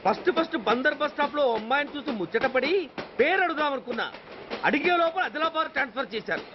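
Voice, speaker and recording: A grumbling self-pitying sidekick. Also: male voice, very high-pitched, lively intonation, fast. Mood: complaining. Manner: self-pitying, rambling complaint. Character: grumbling unmarried man around thirty, sidekick. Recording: dull film audio with background noise.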